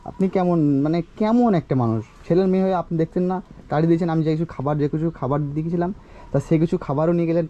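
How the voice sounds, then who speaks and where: A man's voice: a little high, warm tone, highs cut off. A man filming outdoors as a social worker vlogger, pressing with repeated questions. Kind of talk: confrontational street interview.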